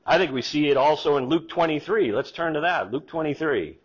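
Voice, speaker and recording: A middle-aged man preaches from a church pulpit, his voice sitting slightly high and moving animatedly as he lifts lines of scripture. The sound is lo-fi and a little muffled, captured from a distance in the sanctuary. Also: a little fast, breathy edge. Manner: lively preaching, reads scripture aloud with rising emphasis. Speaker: pastor. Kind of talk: sermon. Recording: slightly dull, lo-fi church recording.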